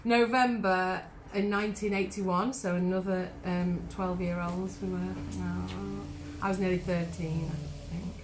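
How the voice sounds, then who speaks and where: A woman's voice: lowish voice, fairly even intonation, unhurried, roomy sound, noisy background. A woman in her fifties, from England, chatting casually and eagerly reading out music trivia between songs. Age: 50s. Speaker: singing teacher co-host.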